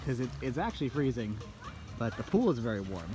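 A woman's voice: a bass voice, big pitch swings, fairly quick, over music, low-quality recording. A woman vlogging a family rest day in a casual, chatty way and laughing easily. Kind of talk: casual family vlog chat.

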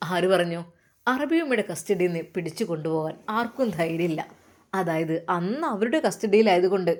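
A woman's voice: medium pitch, a little mellow. A woman narrating a story and voicing its characters, switching between narration and tender dialogue.

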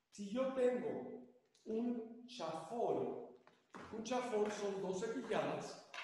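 Older tap teacher, echoey studio. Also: male voice, sits high, a little hiss or hum. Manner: explanatory, repeats step names to demonstrate. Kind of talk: spoken dance lesson. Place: dance studio. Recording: very echoey studio, long reverb.

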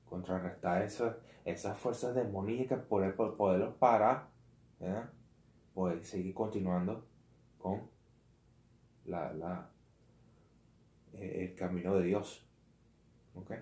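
Slow, halting man preaching casually. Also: low-pitched, dark tone. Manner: halting, self-correcting, slangy asides. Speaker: lay preacher. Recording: roomy echo.

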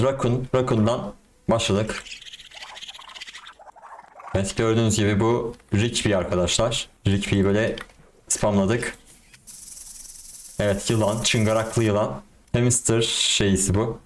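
A young man giving casual, excitable commentary on a game and talking to his viewers in slang. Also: mid-range voice, a little hiss or hum. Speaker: gaming YouTuber.

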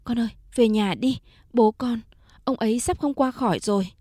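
A woman's voice: a little high, normal speed, dark tone, dry recording, clean studio sound, lightly acted. A woman voicing a grieving country mother who speaks in a choked, sobbing way in a storybook reading. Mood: tearful.

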